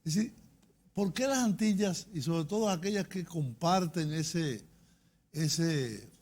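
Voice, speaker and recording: A man discusses and questions as an interviewer, haltingly thinking aloud. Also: a little high, animated, darkish tone. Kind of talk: conversational discussion.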